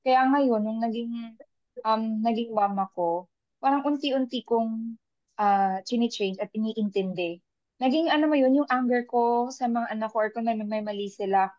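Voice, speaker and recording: A woman's voice: a little high, moderate pace, a little mellow, no echo. A woman, a working mother speaking thoughtfully in a casual podcast chat, mixing two languages. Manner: thoughtful, mixes Tagalog and English, many restarts. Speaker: panel guest; working mother of young kids. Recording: dull lo-fi sound.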